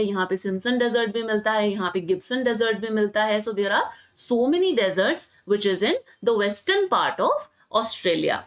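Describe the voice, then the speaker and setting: A woman teaching a geography lesson over a map, explaining slowly, repeating each name and answering her own questions. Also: fairly high pitch.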